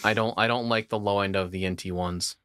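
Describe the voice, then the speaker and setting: Bright, crisp-voiced opinionated man. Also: on the low side, fairly even intonation, fairly quick, dry recording, clean studio sound. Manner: opinionated, rambling about audio gear. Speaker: podcast co-host. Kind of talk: casual podcast chat.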